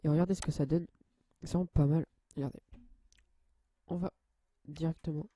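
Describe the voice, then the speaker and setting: A young man hosting a casual software tutorial, hesitant and full of fillers and restarts, addressing viewers as guys. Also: on the high side, fairly even intonation, normal speed. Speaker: channel host.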